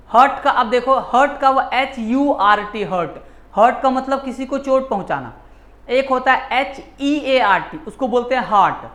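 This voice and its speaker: A man's voice: very high voice, a bit bright. A male teacher giving a classroom lecture in Hindi mixed with English terms, often repeating key words and answering his own questions. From India.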